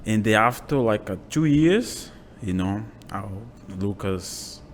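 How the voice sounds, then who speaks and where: Man, 20s, Brazilian Portuguese accent, native Portuguese, low voice, halting English, "you know" fillers, faint room noise. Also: animated. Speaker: guest, jiu-jitsu instructor. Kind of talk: casual interview. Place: small home gym.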